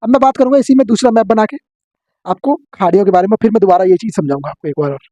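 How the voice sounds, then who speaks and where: A man teaching an exam-prep geography lesson, drilling his students with quick questions and answers. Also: high-pitched, mellow, no room sound.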